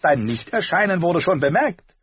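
Man reading a cutting, clever lord with a raised, lively voice, storybook reading. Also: on the high side, normal speed, breathy edge, lo-fi sound, pitched above the performer's own voice. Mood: mocking stern. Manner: cutting, scolding. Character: sardonic clever male noble, sharp-tongued uncle.

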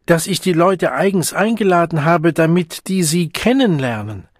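A man's voice: fairly high pitch, animated, moderate pace, breathy edge, no room sound, clean studio sound, pitched above the performer's own voice. A whining, fawning party host, as a male reader puts him on. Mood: pleading. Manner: whining, begging.

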